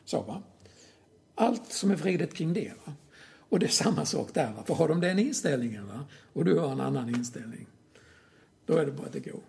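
A man explaining things in a casual conversation as a youth football coach, speaking in a slightly high voice with a gravelly edge. He is blunt and emphatic, swears freely, and keeps pressing his points with rhetorical questions. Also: very animated, a little mellow.

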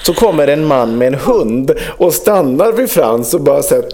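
A man's voice: a little high, big pitch swings, darkish tone, slight background noise. A man co-hosting a casual podcast, telling a story with frequent fillers and acted-out dialogue. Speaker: podcast co-host.

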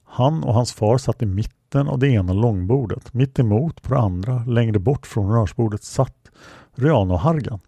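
A man reading a fantasy story aloud as a calm audiobook narrator. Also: medium pitch, slightly rough, no echo. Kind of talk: scripted narration.

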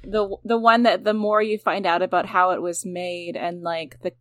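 A woman's voice: lowish voice, flat delivery, moderate pace, no room sound. A woman hosting a podcast in casual chat, talking in a chatty, self-deprecating way with many fillers. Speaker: podcast host.

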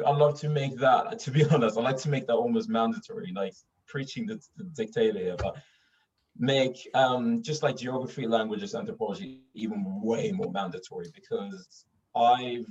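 Animated man, distant muffled mic. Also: mid-range voice. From Sweden. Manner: animated, laughs easily while telling stories. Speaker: podcast guest. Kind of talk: casual conversation. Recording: distant, dull mic with faint hiss.

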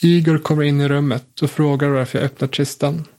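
A man narrates a tense first-person story in a steady, unhurried voice. His pitch sits a little above that of most men, and his delivery stays controlled even as the story tightens.

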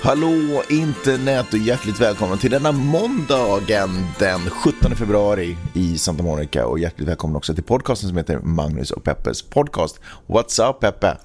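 A man's voice: lowish voice, animated, hardly any pauses, over music. A man co-hosting a casual podcast, rambling and joking, often restarting his sentences. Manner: rambling, self-interrupting, joking. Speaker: podcast co-host. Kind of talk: casual chat.

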